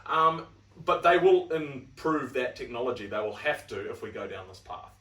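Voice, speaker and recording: A young New Zealand man co-hosts a podcast, reading out points and picking them apart with a chatty, wry humor. His voice is medium-pitched, animated and slightly bright, at a moderate pace. The talk is casual, recorded in a roomy space with the mic set at a distance.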